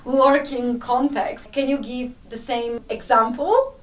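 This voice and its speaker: Polish woman hosting a chat, fairly high voice, bit far off in an echoey room. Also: steady tone, slow. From Poland. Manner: asks questions, encouraging short replies. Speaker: host. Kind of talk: casual interview. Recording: echoey room, recorded from a distance.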